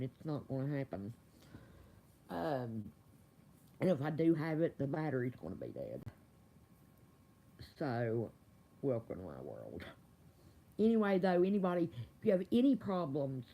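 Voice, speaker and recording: Casting: middle-aged American woman, mellow voice with gummy, toothless diction, speaking casually and emphatically in a heartfelt appeal. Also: medium pitch. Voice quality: toothless, slightly slurred articulation. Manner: emphatic, folksy, repeats phrases for stress. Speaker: organ donation advocate speaking as a bereaved mother. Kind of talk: casual emotional plea to camera.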